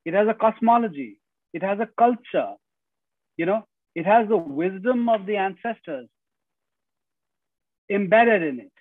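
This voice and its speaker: This is a middle-aged man with an Indian accent, a guest speaker lecturing earnestly over a video call from a room in his home and using earbuds. His voice sits high and sounds animated, and he is unhurried, with long pauses, frequent "you know"s and restarted phrases. There is no room sound, just dry, tinny call audio.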